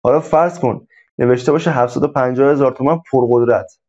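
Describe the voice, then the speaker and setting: A man's voice: mid-range voice, darkish tone. Male instructor, casual chatty lesson delivery, repetitive examples, slightly lo-fi. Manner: conversational, repeats examples, many fillers. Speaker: online sales instructor. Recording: slightly dull lo-fi audio.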